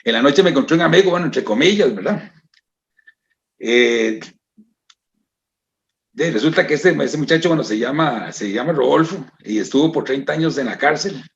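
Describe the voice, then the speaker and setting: Costa rican guy telling his testimony at church, emotional, keeps saying hermanos, raspy low fry, muffled recording. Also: lively intonation, moderate pace, pauses often. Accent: Costa Rican Spanish. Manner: emotional, repeats "hermanos" and "¿verdad?". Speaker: church member giving testimony. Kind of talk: personal testimony to a congregation.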